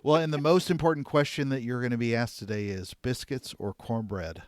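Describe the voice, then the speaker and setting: A man's voice: mid-range voice, no echo, studio quality. Male podcast host with playful quiz patter. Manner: playful quiz questions, then measured advice. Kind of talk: casual interview and scripted recap.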